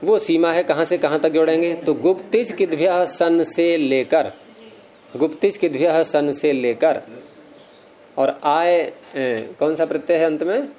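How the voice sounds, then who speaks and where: A man lectures a roomful of students on grammar, working through each rule patiently and stopping to put questions to the class. His voice sits a little higher than most men's but has a soft, mellow tone. It's an unhurried classroom lecture. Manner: explains step by step, quizzes students. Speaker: Sanskrit grammar teacher.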